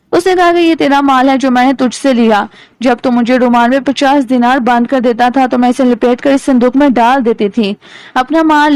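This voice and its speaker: A woman from Pakistan reading a story aloud in a steady, measured way, as an audiobook narrator. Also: on the high side, smooth, dry recording, low-quality recording.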